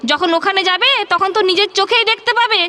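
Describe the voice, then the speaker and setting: A woman plays a brisk married daughter who scolds her mother in an audio drama. Her voice is very high, bright and sharp. She speaks with a Bengali accent and an impatient manner. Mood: scolding.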